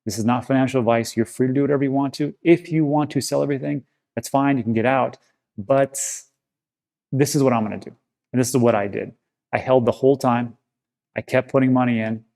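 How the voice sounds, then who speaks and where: A man talks straight to his viewers in a casual vlog, wandering through his points and restarting sentences as he reassures them. His voice is gravelly and low in brightness, mellow rather than sharp. He sounds like a regular host of his own channel. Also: fairly even intonation, fairly quick. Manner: rambling, reassuring, with frequent restarts. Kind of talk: casual talking-to-camera vlog.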